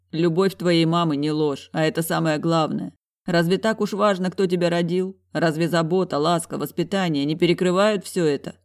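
A man narrating a first-person audiobook in a calm, gentle, reassuring way. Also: on the high side.

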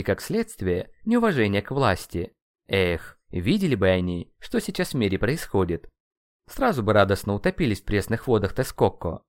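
A man's voice: lowish voice, no room sound, studio quality. A man narrating a first-person audiobook with a wry, ironic tone.

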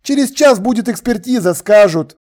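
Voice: mid-range voice, normal speed, natural voice. An audiobook reader voicing an exasperated adult woman on the phone, insistent and demanding. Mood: curt. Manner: insistent, sharp, then drained and flat. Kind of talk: audiobook dialogue.

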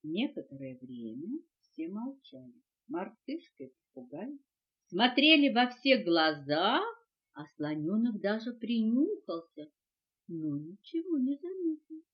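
An older woman reading a children's tale aloud gently and expressively, recorded at home on a cassette tape. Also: medium pitch, big pitch swings, unhurried, slightly rough, highs cut off. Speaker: storyteller.

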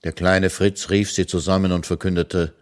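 A man narrating a children's story in a calm, measured way. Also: deep voice.

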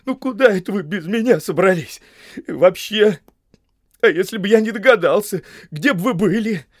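A man's voice: high-pitched, lively intonation, normal speed, no room sound, clean studio sound, pitched above the performer's own voice. A man voicing a young, loyal male hobbit servant who talks in a tearful, pleading, folksy way in an audiobook. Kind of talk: audiobook character voice.

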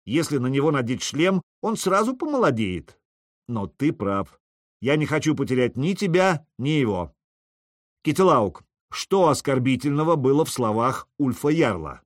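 A man's voice: mid-range voice, sing-song, no echo, studio quality, close to an everyday voice. A man playing a cold, commanding Viking king. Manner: cool, measured, commanding.

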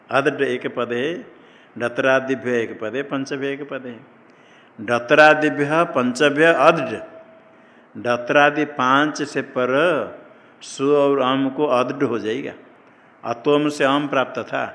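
A man's voice: medium pitch, a bit bright. A man teaching Sanskrit grammar to a class, drilling students with questions and correcting their recitation. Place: ashram classroom. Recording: long hall reverb, faint noise.

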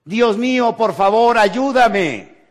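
A Mexican man voicing a desperate man hanging from a cliff, crying out high and loud for help. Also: animated, takes it slowly, exaggerated voice. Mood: pleading, desperate.

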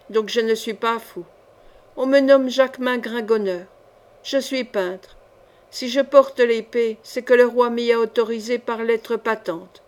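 A woman's voice: on the high side, close to an everyday voice. A woman reading the part of a lanky, chatty male painter with a nasal voice and flowery, courteous speech.

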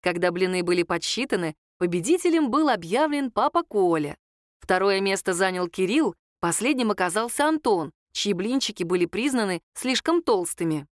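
With a medium-pitched voice and moderate pace, a woman narrates a novel for an audiobook in scripted form, keeping her storytelling even and slightly wry. The recording is dry and studio quality.

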